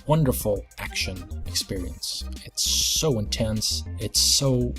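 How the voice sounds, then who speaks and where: A man's voice: on the low side, expressive, slow pace, a bit bright, faint music behind. A young man giving an enthusiastic, rambling movie review, stacking adjectives and repeating words for emphasis. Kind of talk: casual video review.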